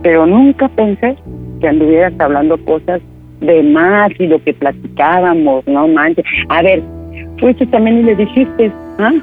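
A high, shrill voice belongs to a furious Mexican woman who feels betrayed by a friend, played by a man putting on the voice. She scolds insistently, demands to be heard and cuts the other person off. Faint music sits under the prank phone call. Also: expressive, a little slow. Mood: indignant. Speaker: prank caller.

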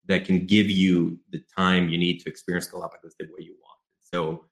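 In this podcast interview, a travel company executive appears as a guest: a man from Ecuador whose native language is Spanish but who speaks English with an American accent. His voice is very deep, creaky, and fairly flat in pitch, and he describes his business in a measured, businesslike way, often saying "um," while a roomy echo surrounds him.

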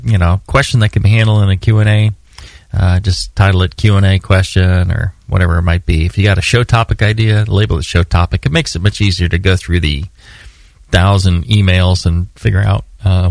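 Low gravelly man, casual podcast host. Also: steady tone, fairly quick, darkish tone, no echo, clean studio sound. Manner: rambling, filler-heavy, teasing.

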